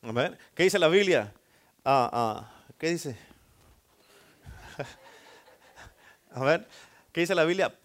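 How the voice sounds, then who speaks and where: High-voiced preaching man. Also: expressive, drawn-out words, pauses often, a bit bright. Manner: call-and-response preaching, asks congregation for amens. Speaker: pastor. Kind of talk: sermon.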